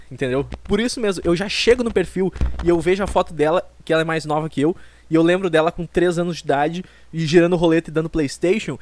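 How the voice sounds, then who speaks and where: Slightly high yet darkish in tone, a Brazilian man in his 20s speaks close to the mic with no room sound. He hosts a solo comic podcast, rambling along, mocking himself, and cursing.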